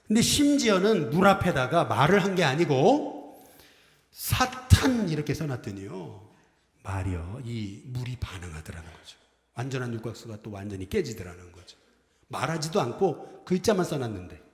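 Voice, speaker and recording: A middle-aged man with a mid-range voice preaches a Sunday sermon as senior pastor at a moderate pace. Lively and acting out quoted phrases, he leads call-and-response greetings with the congregation, and the church hall echoes with long reverb.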